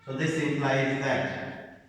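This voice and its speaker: Slow, echoey Indian English maths teacher. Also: male voice, mid-range voice, a bit bright. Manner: spells out each coordinate and step aloud while writing. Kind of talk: slow board-work lesson, dictating steps. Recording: echoey room, voice from a distance.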